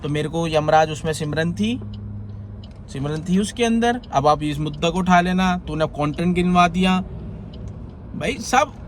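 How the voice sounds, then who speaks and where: Indignant high-voiced man ranting from his car. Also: unhurried, a little hiss or hum. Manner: indignant, rambling, repeating himself. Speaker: content creator. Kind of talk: agitated vlog rant to viewers. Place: in a car on a highway.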